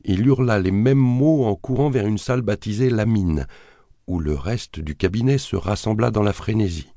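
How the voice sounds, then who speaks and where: A man narrating a thriller audiobook in a measured, dramatic reading that colors the quoted lines. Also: fairly low pitch, mellow, no echo, studio quality. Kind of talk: scripted narration of a thriller novel.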